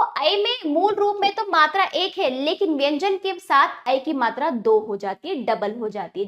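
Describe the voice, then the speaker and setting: A woman teaching young children, patient and clear, repeating each word slowly so they can follow. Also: sits high, fairly bright tone. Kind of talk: classroom lesson for children.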